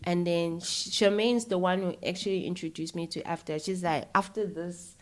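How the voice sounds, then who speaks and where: A young South African filmmaker, appearing as a guest in a casual chat, tells animated stories and acts out other people's voices. She speaks briskly in a lowish voice, switching between English and isiZulu.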